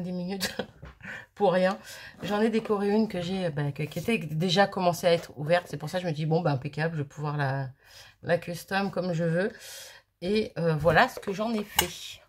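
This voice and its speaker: Lady rambling about her crafts, kinda low voice, laughs at herself, little hiss behind. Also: normal speed, a little mellow. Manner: chatty, rambling, self-mocking with little laughs. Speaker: crafting video host. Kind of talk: casual crafting vlog.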